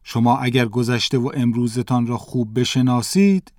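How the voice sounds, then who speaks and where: Guy reading a nice friendly bookseller around fifty, gentle, dry close sound. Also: medium pitch, fairly even intonation, dry recording, natural voice. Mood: welcoming. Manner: gentle, welcoming. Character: kindly, good-natured male bookseller around fifty.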